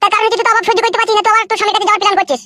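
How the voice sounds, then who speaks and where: A woman's voice: very high-pitched, steady tone, sharp tone, no echo. A woman voicing a poor young village husband who argues and pleads in a comic cartoon. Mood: accusing. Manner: rapid, pleading and quarrelsome. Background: light music.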